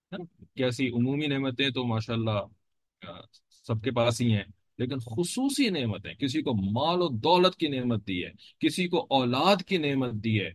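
A man's voice: medium pitch, dry recording. Dry-voiced man teaching a sermon. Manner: explanatory, repeats phrases, frequent "theek hai" check-ins. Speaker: religious teacher. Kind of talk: Islamic sermon lecture.

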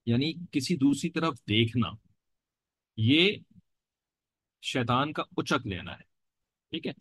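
A man's voice: mid-range voice, animated, slow pace, a bit bright, husky, no room sound. Dry-voiced man teaching a sermon. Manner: explanatory, repeats phrases, frequent "theek hai" check-ins. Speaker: religious teacher. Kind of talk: Islamic sermon lecture.

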